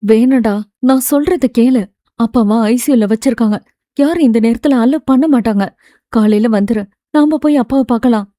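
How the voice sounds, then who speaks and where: A woman voicing a caring young woman who speaks softly and coaxingly, in a dry, close recording. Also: a little high, moderate pace, no echo, natural voice. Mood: soothing. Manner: soft, coaxing.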